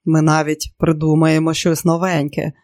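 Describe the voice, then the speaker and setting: A man's voice: a little high, completely flat delivery, moderate pace, a little mellow, no room sound, close to an everyday voice. A man voicing a tense, guarded man who answers in short, clipped replies.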